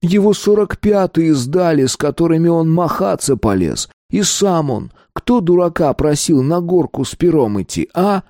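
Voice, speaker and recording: A man voicing a teenage boy who talks tough and slow, bluffing a street gang. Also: mid-range voice, big pitch swings, dark tone, no echo, studio quality, voice pushed up. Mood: indignant. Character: cocky teen boy bluffing gang members.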